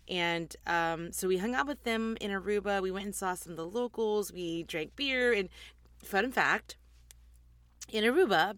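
A woman's voice: on the low side, fairly bright tone, no echo. A woman in her forties hosting a podcast, chatting casually and rambling with frequent ums, recorded inside a closet on a desktop microphone. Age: 40s. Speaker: podcast host. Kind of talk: casual chat. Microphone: desktop USB microphone.

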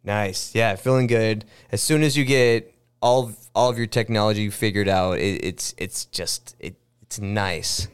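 A podcast host in his thirties chats casually and ramblingly, laughing often. His voice is fairly low, a little slow, and clean in tone.

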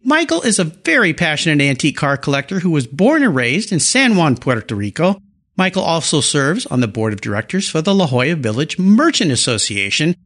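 A man's voice: a little high, very animated, brisk, fairly bright tone. Upbeat man hosting an interview. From California, US. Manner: enthusiastic, playful car puns. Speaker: podcast host. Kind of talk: casual interview.

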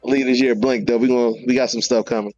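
A man chatting casually as an interview guest, slangy and halting, leaning on tag phrases. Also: medium pitch, fairly even intonation, darkish tone, no room sound, dull audio. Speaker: R&B singer, podcast guest.

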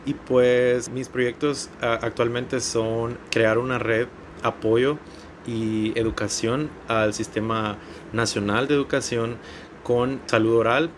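A man's voice: mid-range voice, slight background noise. A man in his twenties from Honduras, a dentist answering interview questions earnestly, often repeating words as he restarts. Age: 20s. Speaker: dentist guest.

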